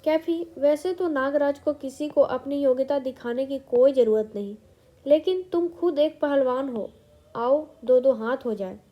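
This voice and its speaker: A woman's voice: sits high, a little slow, dull audio. A woman voicing a bold young male comic-book superhero, read plainly like a storybook. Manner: plain storybook reading of a hero's lines.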